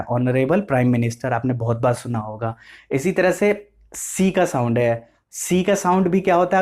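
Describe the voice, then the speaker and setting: Slow-spelling male English tutor. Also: fairly high pitch, darkish tone. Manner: slow and repetitive, spelling words out letter by letter. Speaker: English teacher. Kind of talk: explanatory lesson.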